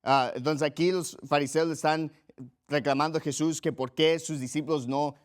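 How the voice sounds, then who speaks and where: A man's voice: on the high side, fairly even intonation, moderate pace. A man preaching a sermon in an earnest, emphatic way, repeating his key phrases. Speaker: pastor.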